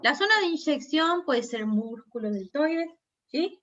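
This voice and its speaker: A woman's voice: sits high, lively intonation, a little slow, fairly bright tone, muffled recording, a little hiss or hum. A woman with a Rioplatense Spanish accent teaching a nursing class, explaining step by step and often checking that students follow. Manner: explanatory, checks understanding with frequent tag questions. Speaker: nursing instructor. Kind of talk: online class lecture.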